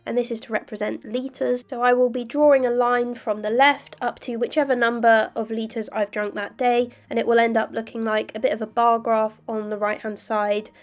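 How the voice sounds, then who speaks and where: A young woman with a slightly croaky voice from illness, calmly narrating her journaling step by step. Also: fairly high pitch, moderate pace, hardly any pauses. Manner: calm, detailed step-by-step explaining. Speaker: bullet journal vlogger. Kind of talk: voice-over narration of crafting.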